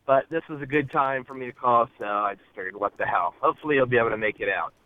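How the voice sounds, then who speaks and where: A man's voice: mid-range voice, no echo. Man calling in over a car speakerphone. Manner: hesitant, many filler pauses. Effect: car speakerphone call over Bluetooth. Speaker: caller. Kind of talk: casual call-in message. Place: inside a car. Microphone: Bluetooth car speakerphone. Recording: tinny phone line from a car.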